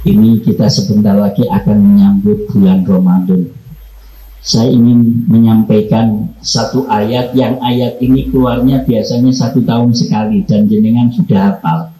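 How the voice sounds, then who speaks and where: A man with a Javanese accent preaching at a religious study gathering. He explains slowly, quotes Arabic verses and acts out everyday family examples. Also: lowish voice, little pitch movement, warm tone. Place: room at a company religious gathering. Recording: echoey room.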